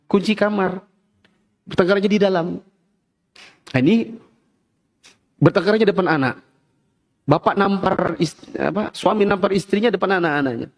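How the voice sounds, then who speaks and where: A man preaching a sermon, telling lively stories and acting out family members yelling at each other. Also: high-pitched. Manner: animated storytelling, acts out family members yelling. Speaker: Islamic preacher.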